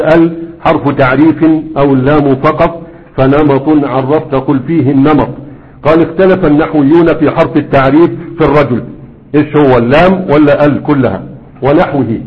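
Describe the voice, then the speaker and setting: A man teaching a classroom grammar lesson in a conversational way, often checking with his students. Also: fairly high pitch. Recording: dull lo-fi recording.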